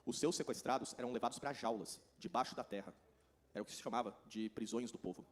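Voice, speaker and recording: Working as a consecutive interpreter at a conference, a Brazilian Portuguese-accented man renders each passage at a very quick, running pace. His voice is mid-pitched.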